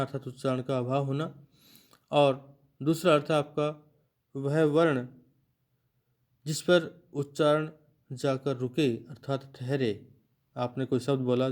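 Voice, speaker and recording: A man teaching Sanskrit grammar to students, explaining slowly and restating each point in a lecture style. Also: mid-range voice, darkish tone.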